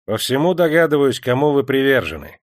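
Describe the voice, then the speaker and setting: A man's voice: a little high, lively intonation, moderate pace, a bit bright, dry recording, clean studio sound, voice pushed up. A man voicing a boastful male factory clerk who turns frightened and pleading. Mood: sly. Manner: pleading, wailing.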